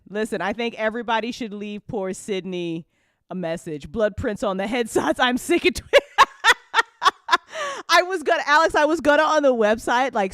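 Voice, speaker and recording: Hosting an audio drama's live after show, this woman talks casually, repeating phrases to stress her points. Her medium-pitched voice is a bit bright, recorded dry and at studio quality through a close indoor mic on the stream.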